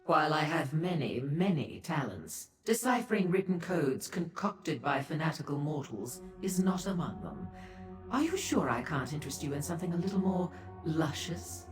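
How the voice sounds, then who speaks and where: Madam Wim, low, theatrical flirt. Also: female voice, very animated. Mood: coy, effusive. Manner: gushing, coy, drawn-out endearments. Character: flirtatious, theatrical female proprietor of a pleasure house. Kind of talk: fantasy video game voice acting. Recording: roomy echo with music behind.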